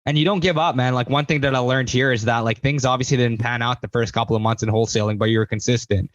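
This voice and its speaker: A man's voice: mid-range voice, steady tone, quick pace, no room sound, dull audio. A man hosting a podcast, speaking in an encouraging way as he praises his guest and wraps up the show. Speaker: podcast host. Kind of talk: casual interview chat.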